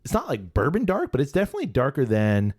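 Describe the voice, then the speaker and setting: A man's voice: mid-range voice, huge pitch swings, fast talker, darkish tone. Playful man on a casual tasting podcast. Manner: playful, laughs often, reads labels aloud in a mock-grand voice. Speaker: podcast co-host. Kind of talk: casual whiskey tasting chat.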